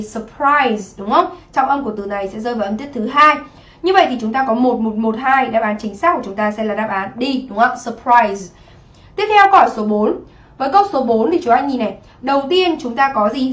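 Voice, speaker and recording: A woman teacher with a fairly high voice works through exam questions one by one and keeps checking that her students follow. The sound is roomy, with a clear echo from the space she is in. She talks in a patient, explaining way. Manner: explains step by step, often asks "right?". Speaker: English teacher. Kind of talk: exam review lesson.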